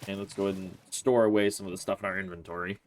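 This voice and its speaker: Low-voiced man rambling through gameplay. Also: rapid-fire. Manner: relaxed, rambling, thinks aloud with frequent "uh" and "like". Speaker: Let's Play host. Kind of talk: casual gameplay commentary.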